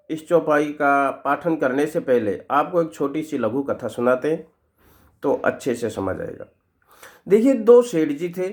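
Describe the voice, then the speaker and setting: Slow gravelly man telling a story. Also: fairly high pitch. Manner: animated storytelling. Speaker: storyteller explaining scripture verses. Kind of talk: devotional storytelling lesson.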